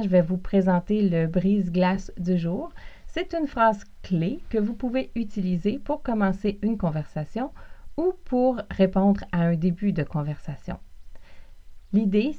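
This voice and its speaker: A woman from the south shore of Montreal with a Québécois accent, hosting a podcast lesson with clear, deliberate delivery and repeated example phrases. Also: medium pitch, dull audio. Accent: Québécois French. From Quebec, south shore of Montreal. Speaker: podcast host and French teacher.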